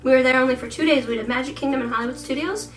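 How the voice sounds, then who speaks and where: A woman's voice: sits high, rapid-fire, distant mic, faint music behind, rough recording. Chatty, giggly woman vlogger in her twenties. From Netherlands. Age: 20s. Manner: chatty and giggly, laughs often. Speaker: vlogger co-host. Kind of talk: casual Q&A chat.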